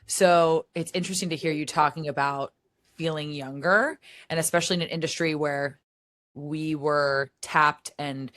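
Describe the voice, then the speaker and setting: A woman in her thirties co-hosts a podcast in easy, chatty conversation. Her voice sits low for a woman. The recording is close and dry, with almost no room sound. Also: steady tone, moderate pace, a bit bright, dry recording. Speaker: podcast co-host. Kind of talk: casual chat.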